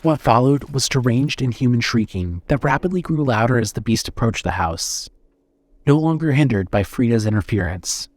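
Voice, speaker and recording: A man narrating a horror story in a steady, suspenseful reading style. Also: mid-range voice, normal speed, no echo.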